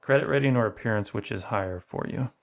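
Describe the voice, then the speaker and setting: A man's voice: lowish voice, fast talker, creaky, slight background noise. A man narrating as game master, rambling and full of fillers.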